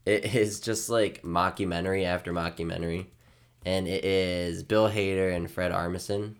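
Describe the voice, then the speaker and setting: A young man in relaxed casual chat, laughing easily and trailing off. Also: low-pitched, moderate pace.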